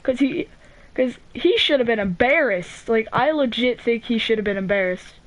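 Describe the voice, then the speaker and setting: A woman's voice: fairly high pitch, animated, normal speed, poor audio. A teenage girl hosting a gaming channel, telling a story in a rambling, casual way full of "like", restarts and swearing.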